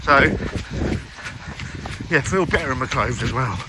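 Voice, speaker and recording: A man's voice: medium pitch, expressive, measured pace. A middle-aged man chats casually and self-deprecatingly in broken phrases while out running, swearing freely. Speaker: running vlogger. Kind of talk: casual rambling vlog chat. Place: outdoors along roads in the rain. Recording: very loud outdoor wind and rain noise.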